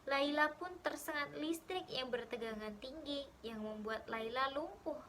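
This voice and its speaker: A young woman with a high voice reads a short story aloud as a literature student's exercise. Her delivery is careful and steady, with the odd stumble and restart. A faint hum of background noise sits behind her. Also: unhurried, poor audio. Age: young adult. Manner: careful reading with small slips and restarts.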